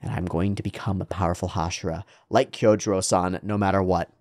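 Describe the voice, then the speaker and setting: An earnest young male anime hero, as acted out by a man declares his resolve in a fairly low voice. He is solemn and determined, speaking in declamatory vows. The sound is dry and close. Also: steady tone, brisk, a little mellow, no echo, close to an everyday voice. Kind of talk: paraphrased anime speech in reaction commentary.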